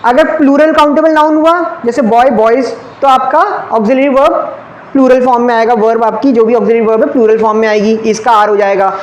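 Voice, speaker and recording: A man's voice: extremely high pitch, fairly even intonation, brisk. Echoey male teacher quizzing his class. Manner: asks questions and answers them himself; checks often with "clear?" and "okay". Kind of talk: exam-prep grammar lesson. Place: classroom with ceiling fans. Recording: echoey room, faint background hum.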